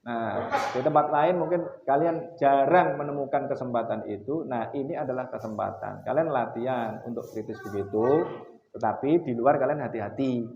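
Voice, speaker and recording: A middle-aged man, lecturing his students in a casual, animated way. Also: mid-range voice, normal speed, creaky, background noise. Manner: animated storytelling, acts out quotes loudly. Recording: echoey, slightly dull room recording.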